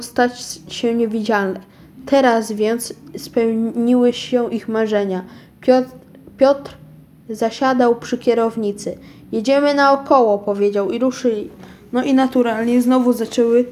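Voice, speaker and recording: A woman with a fairly high voice reads a children's story aloud at home, stumbling and correcting herself as she goes. The reading is plain and unrehearsed. A faint hiss runs under the recording. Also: a little mellow. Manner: unpolished reading with frequent restarts and self-corrections.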